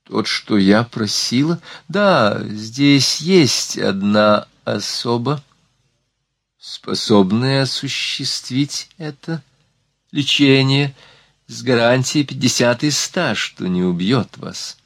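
A man's voice: medium pitch, lively intonation, takes it slowly, gravelly, a bit bright, no room sound, clean studio sound, full character voice. A man reading aloud, voicing a worldly, gracious sultana who speaks in a slightly whispery, lisping, confiding way.

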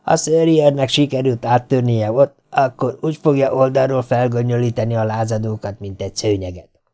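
A man reading the lines of a grim, worried male military officer in an audiobook, in a quiet, sober delivery. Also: medium pitch, natural voice.

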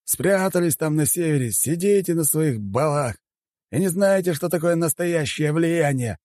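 An arrogant ruler who sneers and scoffs at anyone who bothers him, as a male audiobook reader puts him on. The voice sits well above the reader's own pitch and swings widely. It has a mellow, dry tone. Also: lively intonation, moderate pace, no echo, lightly acted. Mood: scornful. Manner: mocking, dismissive, shouting at times. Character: arrogant, scornful male head of state. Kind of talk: audiobook character voice.

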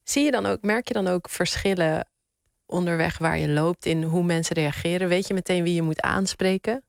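A woman hosting a radio interview, asking the guest curious, gently probing questions in a studio. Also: on the low side, moderate pace, vocal fry, no room sound. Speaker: radio host.

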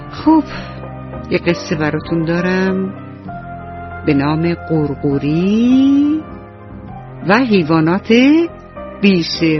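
A man telling a bedtime story to children on radio, gentle and playful, speaking right to the kids. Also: a little high. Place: radio studio. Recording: dull lo-fi radio recording with faint music.

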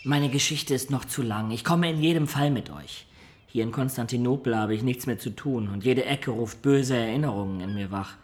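In a radio drama, a male actor with a mid-range voice plays a wistful adventurer, recounting his life in a reflective, confiding way. He speaks at normal speed with light acting.

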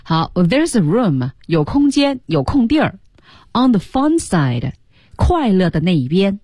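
A woman's voice: medium pitch, sing-song, a little slow, dark tone, husky, no echo, clean studio sound. A woman co-hosting a radio English lesson, chatty, breaking down phrases and translating them. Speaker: co-host English teacher.

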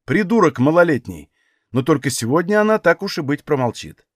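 A man reads a fantasy audiobook in a steady storytelling voice that sits a little high. The recording is dry and close, with no room sound. He keeps a measured reading pace. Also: dry recording. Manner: even storytelling, acts out dialogue. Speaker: audiobook narrator.

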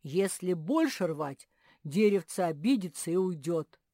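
A woman voicing a loud, stubborn, boastful bear cub boy in a storybook reading. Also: fairly low pitch, lively intonation, unhurried, no echo, clean studio sound. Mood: telling. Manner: shouting, insistent.

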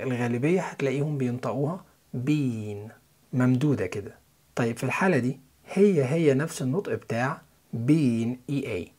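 A man's voice: medium pitch, darkish tone. A man with an Egyptian Arabic accent, explaining English pronunciation step by step as a listening-course teacher.

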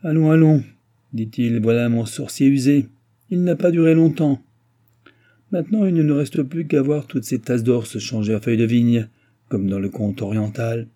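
A man's voice: medium pitch, fairly even intonation, moderate pace, hardly any pauses, mellow, lightly acted. A man reading aloud, voicing a sour, mocking old baron who grumbles.

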